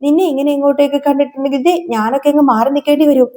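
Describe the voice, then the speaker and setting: A woman's voice: sits high, fairly even intonation, quick pace, mellow, close to an everyday voice. A woman voicing a cheerful, caring middle-aged father in a retold serial story. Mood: fond.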